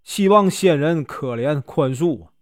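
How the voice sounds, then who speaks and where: A man voicing an excitable young male scholar in a storybook tale, with a Northeastern Mandarin accent. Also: on the high side, unhurried, dry recording, clean studio sound. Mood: eager.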